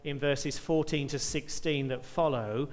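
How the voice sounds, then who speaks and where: A man's voice: medium pitch, steady tone, a little slow, big-room sound. A man preaching a sermon, reading scripture aloud with rising emphasis and asking rhetorical questions.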